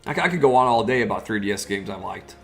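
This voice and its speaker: A man's voice: lowish voice, lively intonation, rapid-fire, gravelly, faint music behind. A man hosting a gaming video with casual, chatty live commentary.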